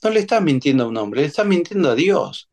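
A man's voice: on the high side, very animated, quick pace, a little mellow. Stern male apostle, accusing questions, rebuke, as a preacher puts him on.

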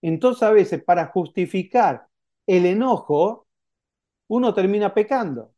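A man preaching with a Rioplatense Spanish accent, his voice sitting a bit higher than most men's. The tone is mellow and dark rather than bright. He talks to the congregation conversationally and keeps checking in with a quick "eh?". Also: lively intonation. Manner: conversational preaching with frequent "¿eh?" tags and acted quotes. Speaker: pastor. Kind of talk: sermon.

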